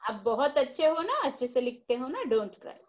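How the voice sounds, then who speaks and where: Indian woman teacher on a video call, high voice, slow patient dictation, dull lo-fi audio. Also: very animated. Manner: coaxing, slow dictation mixing Hindi and English. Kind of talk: online class for young children.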